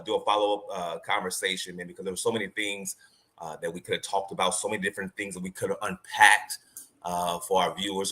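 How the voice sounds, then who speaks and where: Male podcast host; very deep, forceful tone, encouraging, repetitive "man" phrasing. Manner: affirming, repeats phrases, says "man" often. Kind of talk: casual podcast interview.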